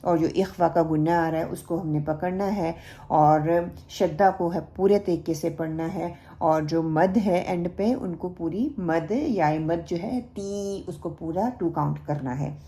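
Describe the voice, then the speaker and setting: A woman's voice: on the low side, fairly even intonation, warm tone. A woman teaching Quran recitation in a recorded lesson, patiently explaining each sound step by step and modelling it herself.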